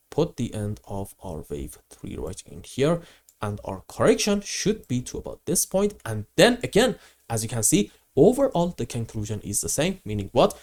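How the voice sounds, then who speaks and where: A man with a grating voice, hoarse from a cold, presenting chart commentary emphatically and answering his own questions. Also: mid-range voice, darkish tone. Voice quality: grating, rough voice. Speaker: host of crypto market update.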